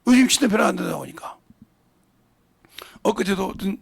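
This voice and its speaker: A man preaching a sermon as pastor, blunt and scolding, with big swings between loud and quiet. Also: high-pitched, fairly quick. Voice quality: gravelly, husky voice. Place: church sanctuary.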